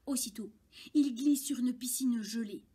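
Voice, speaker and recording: Slow, high-voiced woman reading a story. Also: breathy edge. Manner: slow, expressive reading with playful asides. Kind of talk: reading a children's story aloud.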